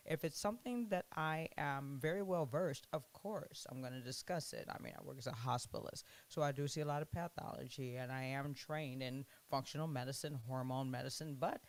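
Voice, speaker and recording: A woman physician hosting her own channel, talking to viewers in a chatty, animated way and laughing often. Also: sits low. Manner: lively, conversational delivery. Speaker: physician host. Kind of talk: casual talk to viewers.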